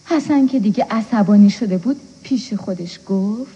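Mellow woman narrating a children's story. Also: mid-range voice, animated, dull audio, slight background noise.

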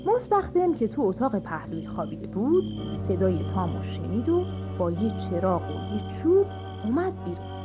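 A woman narrating a children's storybook, expressive and addressing the kids. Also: mid-range voice. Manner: animated, expressive. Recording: dull lo-fi audio with music.

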